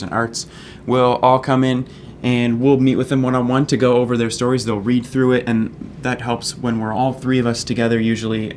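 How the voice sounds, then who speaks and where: A young man from Canada, a student managing editor answering interview questions in a relaxed, rambling way with many ums. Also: mid-range voice, a little hiss or hum. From Fredericton, Canada. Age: young adult.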